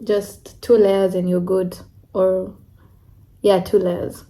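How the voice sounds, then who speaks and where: Young woman, international student vlogger; mellow, mid-pitched voice, frank and chatty delivery. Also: little pitch movement, slow, low-quality recording. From Kenya. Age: young adult. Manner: candid, chatty, fills with "like" and "you know". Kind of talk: casual vlog chat.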